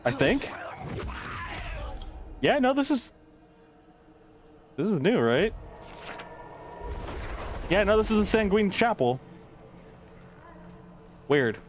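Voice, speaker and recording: A man's voice: high voice, sing-song, takes it slowly, long pauses, a little hiss or hum. A man streaming a game, chatting casually and rambling with lots of fillers. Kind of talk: casual gameplay chat.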